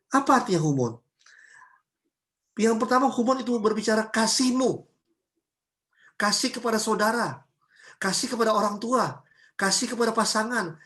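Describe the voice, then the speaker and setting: A woman pastor from Ambon giving a sermon at a church service, chatty and lively, full of homely examples and rhetorical questions. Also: medium pitch. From Ambon, Indonesia.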